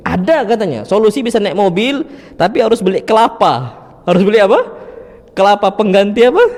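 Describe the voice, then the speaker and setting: High-voiced man preaching with lively stories. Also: long reverb tail. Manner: animated storytelling with Arabic phrases. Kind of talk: religious study talk. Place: mosque.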